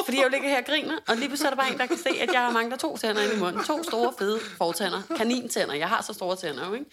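A young woman telling a story in casual podcast chat, animated, with lots of fillers and laughter in her voice. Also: on the high side, crowd noise. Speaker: podcast co-host.

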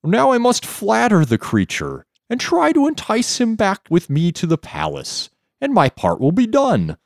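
Guy putting on a squeaky sweet-talking jellyfish servant, storybook style. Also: huge pitch swings, a little slow, vocal fry, dry recording, clean studio sound, full character voice. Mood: flattering. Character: eager, flattering male jellyfish servant.

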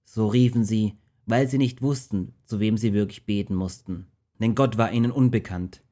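A man tells a Bible story in rhymed verse. His reading is steady and rhythmic, in a lowish, mellow voice. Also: normal speed.

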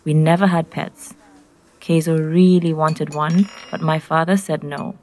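A woman with a Kenyan accent telling a scripted personal story in clear, simple phrasing. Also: deep voice, little pitch movement, a little slow, a little mellow, slight background noise. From Nairobi, Kenya.

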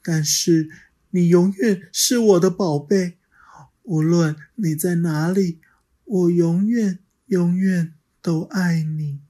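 A woman's voice: lowish voice, slow pace, warm tone, voice pushed up. A woman voicing a loving, worried dinosaur mother with a tender, emotional delivery in a storybook reading.

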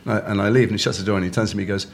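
Fast-talking English storyteller man. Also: fairly low pitch, vocal fry. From England. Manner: lively storyteller, acts out other people's lines. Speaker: actor telling stories at a lunch chat. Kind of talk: casual chat, animated anecdote. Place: restaurant table.

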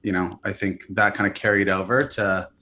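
Low-pitched and brisk, this early-thirties founder from California and Hawaii chats informally in an interview. His relaxed delivery is hesitant, packed with fillers and restarts.

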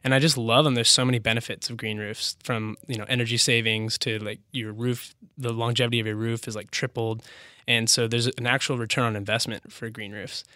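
Brief: young man from Washington, interview guest, bright tense tone, dry close sound. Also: mid-range voice, flat delivery, fairly quick, dry recording. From Bellevue, Washington, US. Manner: easygoing, rambling with many likes and restarts. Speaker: guest, company co-founder. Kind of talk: casual interview.

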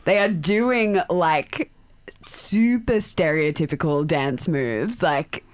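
A woman's voice: low voice, takes it slowly. A woman hosting a podcast, talking in a loose, chatty way with lots of fillers. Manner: chatty, uses many fillers, laughs easily. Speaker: podcast host. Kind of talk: casual chat.

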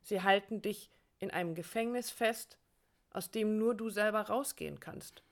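A woman co-hosting a coaching podcast, speaking directly to the listener in a warm, encouraging way. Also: medium pitch, moderate pace. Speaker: co-host, relationship coach. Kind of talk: conversational podcast talk.

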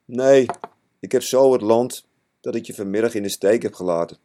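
A man's voice: mid-range voice, steady tone, warm tone, slight background noise, close to an everyday voice. A man voicing a guilty, tearful young boy who talks in sobs in a storybook reading. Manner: sobbing and halting.

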